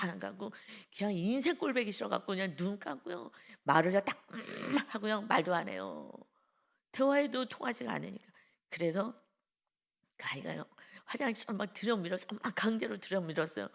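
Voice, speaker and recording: A woman pastor delivers an early-morning devotional sermon in a church. Her voice sits low with a rough, gravelly texture. She talks to the congregation in a conversational, storytelling way.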